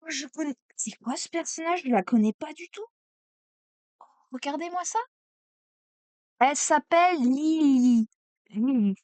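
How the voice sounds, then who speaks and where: A woman streaming a card opening, chatty and excitable, exclaiming over each card. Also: high voice, moderate pace, no echo. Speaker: streamer opening trading cards. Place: at home desk.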